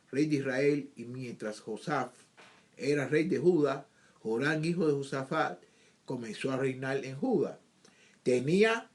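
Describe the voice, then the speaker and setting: A man teaching scripture, reading verses aloud and explaining them in his own words, often repeating himself and asking rhetorical questions. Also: on the high side. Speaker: Bible teacher.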